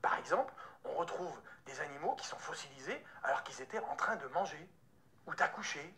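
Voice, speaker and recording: A woman voicing a calm, knowledgeable man who explains things patiently in a hushed, half-whispered voice. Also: sits low, fairly quick, slight background noise, exaggerated voice.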